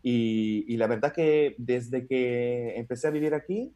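In a dark, mid-range voice and at a slightly slow pace, a man in his thirties from Italy rambles through his story as a guest comedian. His Italian accent, frequent fillers and restarts mark this casual interview chat, held over a video call from his home.

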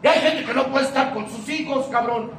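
Mexican man, high voice, emphatic slang-heavy recovery testimony; distant mic in an echoey room. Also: fairly quick, fairly bright tone, slight background noise. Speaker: speaker sharing his recovery testimony.

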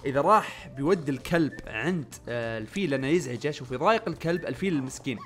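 A young man giving casual let's-play commentary, muttering to himself and yelling when things go wrong. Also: medium pitch, lively intonation, rapid-fire, soft background music. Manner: chatty, often muttering under his breath, bursts of panicked yelling. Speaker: gaming channel host.

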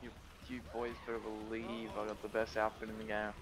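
A man's voice: lowish voice, completely flat delivery, fairly quick, music in the background. A young man joking around while playing a co-op game. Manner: joking, goofy. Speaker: co-op player. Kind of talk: casual gameplay chat.

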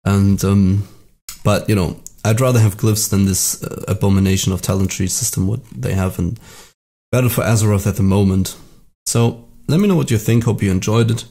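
A man's voice: fairly low pitch, normal speed, warm tone. A man hosting his own gaming channel, talking with a sick, strained voice in a rambling, self-deprecating way with many restarts. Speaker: video game channel host. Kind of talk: casual commentary to camera.

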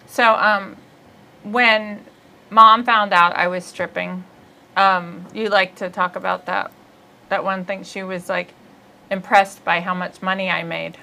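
In a small studio set, a woman in her forties from Ohio sits and hosts a casual comedic chat, telling bawdy stories with plenty of laughter in a Midwestern American accent. Her mid-range voice is steady, unhurried, and creaky yet bright and forceful. The audio quality is poor.

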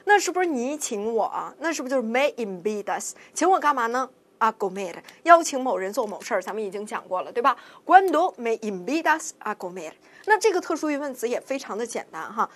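A woman's voice: on the high side, big pitch swings, fairly quick. A woman giving a classroom lecture as a language teacher, asking rhetorical questions and checking understanding often. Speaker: Spanish teacher.

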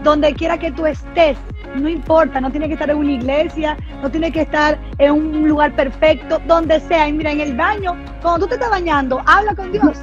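A woman's voice: high voice, fairly even intonation, moderate pace, hardly any pauses, lo-fi sound, soft background music. A woman hosting an online live chat about faith, affirming her guest and adding her own thoughts. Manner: affirming, chimes in with amens. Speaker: live stream host. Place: online live video call.

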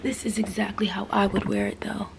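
A fashion vlogger, twenty years old, chats her way through a clothing haul in a small bedroom, filled with fillers and side comments. She speaks fairly quickly at medium pitch in a level, gravelly voice. The camera sits on a stand at mid-distance, and there's slight background noise.

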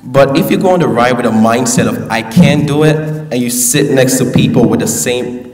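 A young man at a podium in a large school hall gives his valedictorian speech, with joking asides aimed at the audience. He speaks at medium pitch and normal speed, his tone on the dark side, with faint music behind him. His podium mic sounds far off, and the hall echoes.

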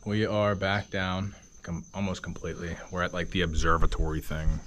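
In a casual hiking vlog, a man in his twenties speaks to an action camera held at arm's length on a rainforest volcano trail. His voice sits low, with a level, slightly bright tone at a moderate pace. Faint outdoor noise can be heard.

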